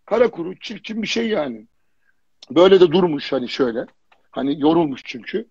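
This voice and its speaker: A high-pitched man with a husky voice chats casually on a livestream, telling his stories with blunt slang and lots of repetition. He grew up in Germany and sits on a fitness jury. The sound is dry and dull, like lo-fi stream audio. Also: animated, brisk, darkish tone, no room sound. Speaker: fitness jury member, guest. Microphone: phone or computer on a live video stream.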